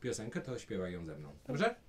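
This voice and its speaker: A man's voice: fairly low pitch, wildly swooping pitch, a little fast, over a noisy crowd. A man teaching a child a rhythm in a music lesson, patient and encouraging, explaining each step.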